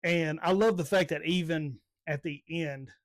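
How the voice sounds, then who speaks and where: A man's voice: on the high side, fairly even intonation, a little slow, no echo, clean studio sound. A man co-hosting a casual movie review podcast, easygoing and agreeable, with loose everyday grammar. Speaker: podcast co-host.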